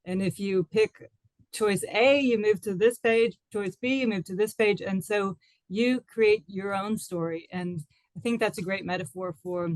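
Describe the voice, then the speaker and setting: A woman's voice: medium pitch, steady tone, a little slow, a little mellow, dry recording, rough recording. A woman in her forties from the United States, speaking as an interview guest in a casual, thoughtful way, with frequent fillers and restarts.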